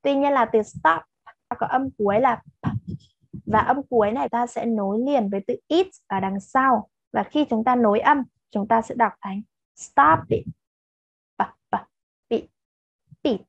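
A slightly high, gravelly female voice at a moderate pace leads children through English drills, her Vietnamese accent clear as she patiently switches between Vietnamese explanations and repeated English words. The recording is muffled with no echo, and the lesson moves slowly with pronunciation practice.

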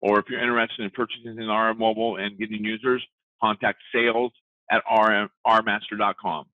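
A man giving a casual, step-by-step software walkthrough in a webinar. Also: on the low side, little pitch movement, brisk, no echo, narrow, tinny audio. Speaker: software trainer.

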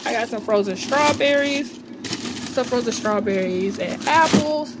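A woman's voice: fairly high pitch, lively intonation, a little slow, heavy background noise. A young woman vlogger casually walking through her grocery haul in her kitchen, chatting to viewers with fillers and "y'all", filmed on a handheld phone. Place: home kitchen, indoors.

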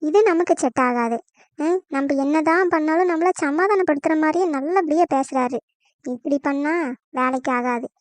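A woman's voice: high-pitched, normal speed, no echo, lightly acted. A woman voicing a scheming young wife in a cartoon comedy, plotting in sly asides and putting on tearful complaints. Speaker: daughter-in-law.

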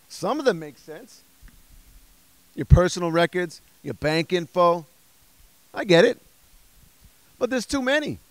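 A man's voice: high voice, no room sound, rough recording. A man doing stand-up comedy, exasperated and ranting through strings of rhetorical questions.

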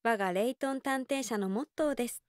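A woman voicing a cheerful, breezy young female detective in a video game, with a bright, lively delivery. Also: on the high side, fast, no echo, close to an everyday voice. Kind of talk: game voice acting.

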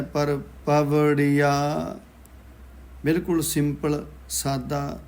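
A man teaching scripture recitation line by line, slowly spelling out letters and syllables with a Punjabi accent. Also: medium pitch, darkish tone.

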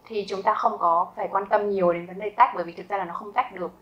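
A Vietnamese woman talks through a German grammar lesson at a steady, mid-pitched level. She explains each rule patiently and asks her students rhetorical questions. She slows right down to say each example sentence twice. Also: muffled recording. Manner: repeats example sentences slowly and carefully. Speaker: German teacher.

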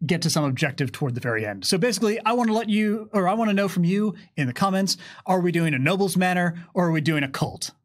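A game developer in his thirties co-hosts a tabletop game demonstration, explaining the rules casually and conversationally. He sits at a table in a small curtained studio with a microphone on a boom stand. His high voice is lively and fast, with hardly any pauses.

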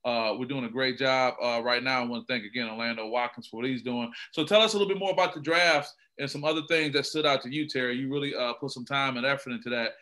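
A man hosts a casual sports talk show, speaking in an emphatic, conversational way. His voice has a bright, forceful edge. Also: medium pitch, fast, hardly any pauses. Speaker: podcast host.

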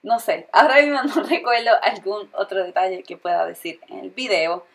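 A young woman chatting casually through a storytime vlog, retelling things in an animated way with lots of fillers. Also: mid-range voice, moderate pace. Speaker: vlogger.

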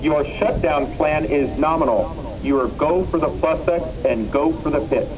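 A mission control communicator giving clipped procedural calls over a crackly space-to-ground radio. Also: male voice, a little high, normal speed, a crowd in the background. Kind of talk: terse radio callouts. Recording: muffled, hissing radio link.

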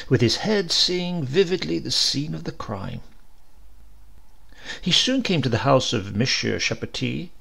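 Reading a literary short story for an audiobook, this man uses a measured, expressive storytelling manner. His voice is medium-pitched with noticeable vocal fry.

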